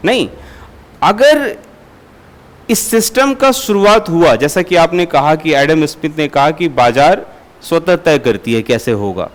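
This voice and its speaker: Man teaching a lively lecture. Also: fairly high pitch. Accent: Hindi. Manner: asks students questions and answers them; uses homely everyday examples. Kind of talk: classroom lecture.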